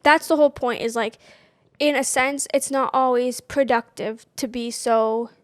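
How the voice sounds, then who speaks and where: A woman's voice: fairly high pitch, fairly even intonation, normal speed, dry recording, studio quality. A woman who can't quite say her R's, which come out like W, chatting casually and emphatically with a fired-up opinionated streak. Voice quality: speech impediment on R sounds, which come out soft like W. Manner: emphatic, fired up, mild swearing.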